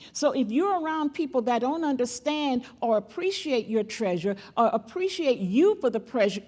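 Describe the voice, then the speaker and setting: Older woman preaching, fairly high voice. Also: darkish tone. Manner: emphatic, repeats phrases, calls on the audience. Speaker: guest speaker. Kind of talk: sermon. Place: church.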